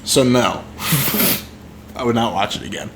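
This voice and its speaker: A man's voice: mid-range voice, sing-song, slow pace, a little hiss or hum. A young man co-hosting a podcast, talking bluntly and dryly about a film in casual chat. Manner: blunt, dry, swears. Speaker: podcast co-host.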